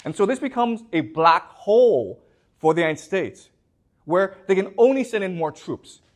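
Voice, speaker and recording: Animated male professor lecturing a class. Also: sits high, moderate pace. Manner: checks in constantly with the class; restarts and repeats words.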